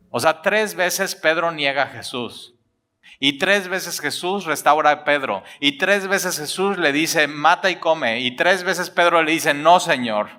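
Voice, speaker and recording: A man preaching a sermon as pastor, retelling a story with lively acted-out dialogue and jokes. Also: on the high side.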